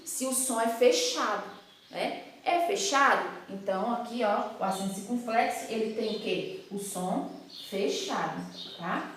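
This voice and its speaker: Brazilian woman teacher, fairly high voice, patient and playful, very echoey room. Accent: Brazilian Portuguese. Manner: patient, explains slowly with many tag questions. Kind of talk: recorded classroom lesson for children.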